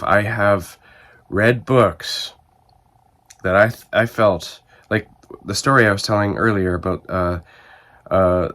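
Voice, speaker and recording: A man with a cold, his voice rough and stuffed up, chatting casually to camera about reading and rambling as he thinks aloud with many restarts. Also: on the low side, a bit bright. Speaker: book video host.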